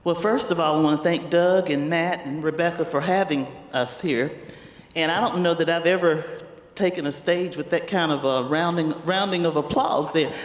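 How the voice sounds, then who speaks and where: This panelist has a low-pitched voice and speaks at normal speed, with the accent of her hometown, Spartanburg, South Carolina. As a community foundation leader, she tells humorous, folksy stories about her community work on stage in a large event hall. Her words echo with long reverb.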